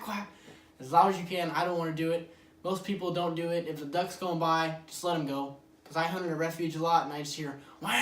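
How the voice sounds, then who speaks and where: A man hosting his own channel, giving a casual how-to demonstration in a loose, chatty way that leans on filler words. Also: on the high side. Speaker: host of a duck hunting channel. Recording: roomy sound from a distant mic with faint background noise.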